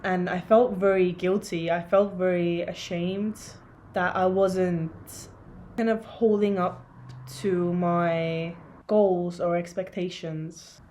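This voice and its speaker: A young woman from Estonia talking to a camera in a casual, reflective vlog, soft and searching, with many pauses. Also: fairly low pitch, level tone, slight background noise. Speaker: vlogger.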